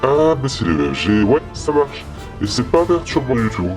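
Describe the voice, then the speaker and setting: A man voicing a cartoon contestant whose speech runs through a voice changer that shifts his pitch up and down, wary and teasing. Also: sing-song, moderate pace, darkish tone, soft background music. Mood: amused. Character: contestant speaking through a voice modifier.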